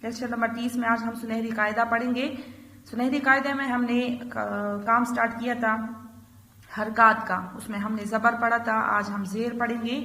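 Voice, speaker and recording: A woman's voice: fairly high pitch, flat delivery, pushed and bright, roomy sound. A woman teacher with a Pakistani Urdu accent, giving a lesson to young children and patiently checking in as she goes. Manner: slow, drawn-out recital of letter sounds; patient, repeats and checks with "theek hai".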